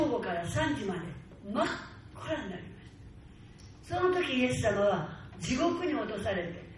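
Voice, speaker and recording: A woman pastor preaching a sermon with fervent, slow, stressed phrasing that builds in urgency. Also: a little high. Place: church hall. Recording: far-off mic in echoey hall, faint hiss.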